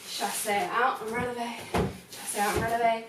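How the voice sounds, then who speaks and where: A woman's voice: on the high side, steady tone, fairly quick. A young adult woman teaching an online ballet class, counting out beats as she demonstrates steps and adding apologetic asides. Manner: apologetic asides while dancing. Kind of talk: online dance class instruction. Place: room with a hard floor. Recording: echoey room, voice from far off, noisy.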